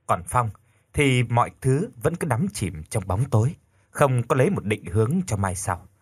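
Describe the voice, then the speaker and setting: A man narrating a scripted ghost story in a dramatic, expressive way. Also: medium pitch, normal speed, breathy edge, dry recording.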